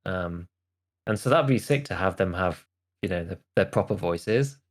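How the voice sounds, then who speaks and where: A man with a somewhat low voice co-hosts a podcast in an easygoing, unscripted way. He hedges a lot, and his talk is full of filler words and false starts. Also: expressive, moderate pace. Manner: loose and hedging, many "like" fillers and restarts. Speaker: podcast co-host. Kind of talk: casual chat.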